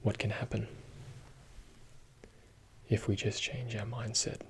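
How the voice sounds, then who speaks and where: A man giving a soothing, reassuring ASMR pep talk in a soft-spoken, often whispered voice, slow and deliberate. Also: fairly low pitch, little pitch movement, slight background noise. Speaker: ASMR video host.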